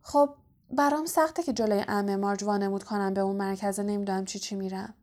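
Brief: a defiant teenage boy, as a woman reads him, cool, guarded and quick. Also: mid-range voice, fairly even intonation, darkish tone, close to an everyday voice.

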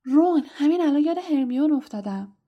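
A woman's voice: high voice, animated, highs cut off, pitched above the performer's own voice. A woman voicing a brave, curious eleven-year-old schoolboy in a storybook reading, speaking urgently. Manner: urgent, sometimes hushed.

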